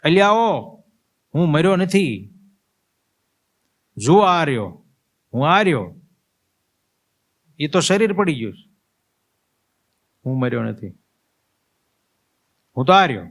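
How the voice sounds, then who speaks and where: Man playing a newly dead man's soul, pleading, raised high voice, loud calling out. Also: animated, normal speed, long pauses, lightly acted. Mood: desperate shouting.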